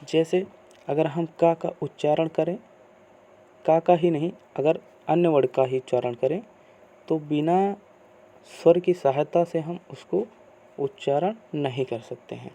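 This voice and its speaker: A man teaching a grammar lesson, asking questions and answering them himself in slow, repeated teacherly phrasing. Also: a little high, mellow.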